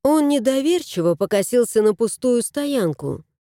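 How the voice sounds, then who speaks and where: A woman narrating a children's story in a measured, expressive reading. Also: a little high, no echo, clean studio sound.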